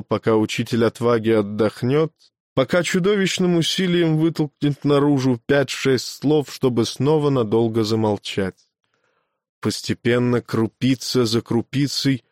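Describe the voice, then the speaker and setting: Man narrating an audiobook, measured. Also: mid-range voice, no echo, studio quality. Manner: measured storytelling. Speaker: audiobook reader. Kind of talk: scripted narration.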